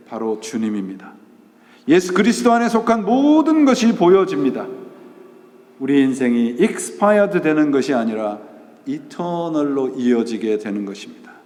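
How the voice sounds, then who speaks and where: Echoey, lively preaching man. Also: on the high side, normal speed. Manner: mixes English words into Korean preaching; asks rhetorical questions and answers them. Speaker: pastor. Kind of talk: Sunday sermon. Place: church sanctuary. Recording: echoey church hall.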